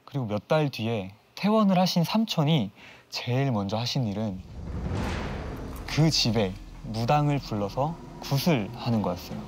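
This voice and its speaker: A man telling a ghost story on a TV studio set, building suspense with drawn-out pauses. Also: mid-range voice, lively intonation, slight background noise. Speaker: storyteller on a horror talk show. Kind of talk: dramatic ghost-story narration. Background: eerie background music.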